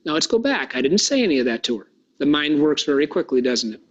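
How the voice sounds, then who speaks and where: High-voiced man telling a motivational story. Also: fast talker, highs cut off. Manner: animated, poses questions to the audience. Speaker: workshop speaker.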